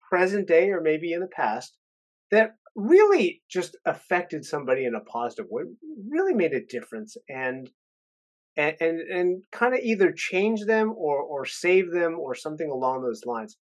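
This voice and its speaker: A man hosting a podcast interview, who talks casually and often hesitates, stammering and restarting as he works out his questions. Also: a little high. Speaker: podcast host.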